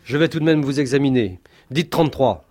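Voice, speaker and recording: A man's voice: medium pitch, a little fast, darkish tone, close to an everyday voice. A man voicing a polite, pious hospital doctor in a comic radio sketch, solicitous and a bit nervous. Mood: reassuring.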